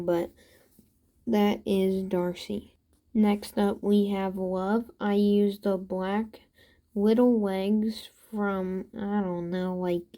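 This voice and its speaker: A woman talks through a casual show-and-tell in a slow, easy rhythm. Her voice is soft and dark in tone, and she hedges often, pausing to admit she isn't sure. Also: mid-range voice. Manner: relaxed, unsure, hedging asides. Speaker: toy-building channel host.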